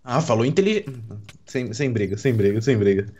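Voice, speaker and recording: A man's voice: medium pitch, very animated, moderate pace, a little mellow, lo-fi sound, slight background noise. A young Brazilian man with a Brazilian Portuguese accent, playfully needling his friends while gaming. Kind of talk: casual gameplay banter with friends.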